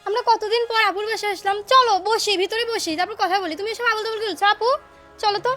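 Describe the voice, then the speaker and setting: A woman playing a younger sister who gently coaxes her mother to calm down. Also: very high-pitched, quick pace, faint music behind. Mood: coaxing.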